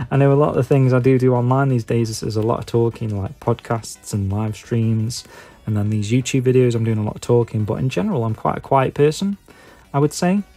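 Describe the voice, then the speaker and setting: Mellow man with a Stoke accent. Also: mid-range voice, a little fast, faint music behind. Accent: Stoke-on-Trent English. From England. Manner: hesitant, self-deprecating waffling with many filler phrases. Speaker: YouTube video maker and podcaster. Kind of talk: casual rambling chat to viewers.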